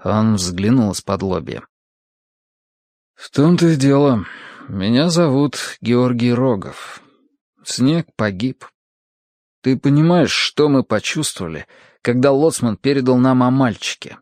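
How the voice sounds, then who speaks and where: Guy narrating a sci-fi audiobook, steady even reading, dry close voice. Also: medium pitch, a little slow, pauses often, no echo. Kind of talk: audiobook reading of science fiction.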